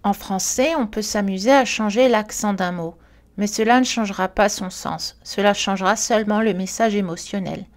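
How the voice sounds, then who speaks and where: A woman reading a scripted French pronunciation lesson, speaking carefully and clearly and slowing down for example words. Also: medium pitch. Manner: careful, clearly articulated delivery with slow model words.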